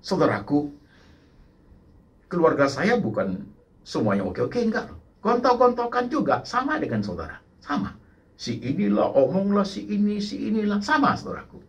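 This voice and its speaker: Preacher guy, kinda high voice, all over the place pitch-wise, mic sounds far away. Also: moderate pace. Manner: animated, peppers his talk with English words, keeps addressing the congregation. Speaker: pastor. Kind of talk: sermon. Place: church service.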